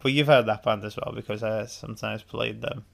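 Brief: young English male co-host, gravelly, easygoing, explains band history. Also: fairly low pitch, fairly quick. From England. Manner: relaxed, explains music trivia patiently. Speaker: podcast co-host. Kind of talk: casual album commentary.

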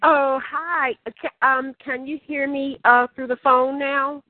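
A woman's voice: high voice, fairly even intonation, takes it slowly, dry recording. Rambling woman over a phone speaker. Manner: rambling, with many ums and restarts. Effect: heard over a phone speaker. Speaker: podcast co-host. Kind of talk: casual podcast chat. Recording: tinny dry phone line.

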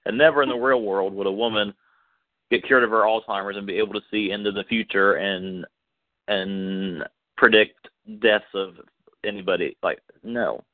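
A man co-hosting a casual podcast chat about soap operas, opinionated and quick to laugh. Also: fairly low pitch, fairly even intonation, no room sound. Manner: chatty, opinionated, laughs often. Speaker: podcast co-host. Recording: tinny phone-like line, dry.

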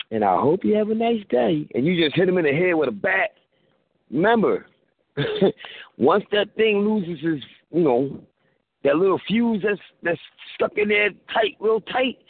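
Husky-voiced man preaching over a phone line. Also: on the high side, no echo. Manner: preachy, joking, acts out little scenes. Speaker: guest commentator. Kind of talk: animated casual talk.

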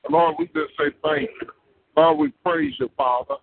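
Over a tinny phone line without echo, a man with a fairly high voice and vocal fry leads a fervent prayer at a moderate pace, his pitch swinging widely as he repeats phrases rhythmically and breaks into tongues.

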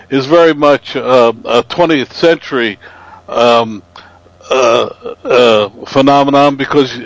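A male talk show host who talks in a halting, stop-start way, searching for his words as he pushes back on his guest. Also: mid-range voice, no echo, rough recording.

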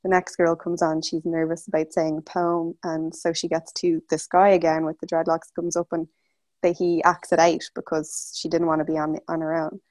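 Woman telling a halting personal story. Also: sits low, completely flat delivery, darkish tone, dry recording. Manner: rambling, halting and self-correcting, with laughs and quoted inner voices. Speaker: community call participant sharing a story. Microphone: computer or headset mic on a video call.

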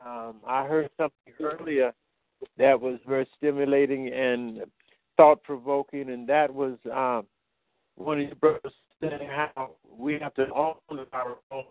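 A man's voice: mid-range voice, steady tone, a little slow, no room sound. Man on a tinny phone line breaking up. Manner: friendly, easygoing hipster slang. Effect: phone line breaking up and cutting out. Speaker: radio show caller. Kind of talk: casual call-in chat. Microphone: telephone.

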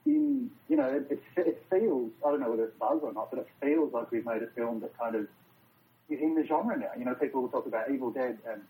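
A man's voice: mid-range voice, expressive, fast, narrow, tinny audio. An Australian man, a film director, chatting loosely as an interview guest and swearing freely. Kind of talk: casual interview chat.

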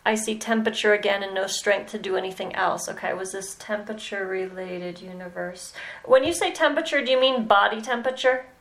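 Lady with a gravelly voice, slow halting mentoring talk, lots of okays. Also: medium pitch, fairly bright tone, low-quality recording. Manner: slow, hesitant, pausing with many "okay"s. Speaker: animal communication mentor. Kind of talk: mentoring session.

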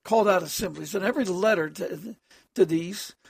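A preacher with a harsh, hoarse voice, speaking haltingly in an extemporaneous sermon addressed as prayer, often clearing the throat. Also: medium pitch, no echo.

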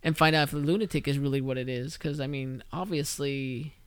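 A man's voice: mid-range voice, fairly even intonation, a little fast, clear, resonant tone, no room sound, studio quality. A man co-hosting a podcast in casual chat, rambling with sarcastic asides. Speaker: podcast co-host.

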